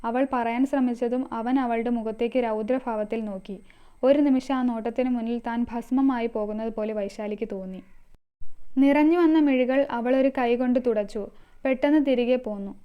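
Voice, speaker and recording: A woman's voice: fairly high pitch, fairly even intonation, a little fast, smooth, highs cut off. A woman narrating a scripted story, reading all the characters herself. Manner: reads all characters herself, mostly in her own voice.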